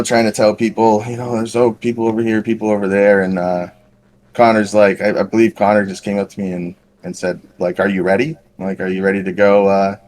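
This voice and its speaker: Low-pitched guy rambling through a story on a podcast, kinda self-deprecating, tons of "you know"s. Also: slight background noise. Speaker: podcast co-host. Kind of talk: casual storytelling.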